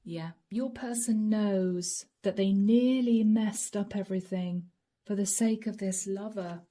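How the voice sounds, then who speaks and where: Her voice mid-range and a little slow, a middle-aged tarot reader channels a reading in soft, intimate tones that often sink to a whisper. A touch of hoarseness comes from the long session.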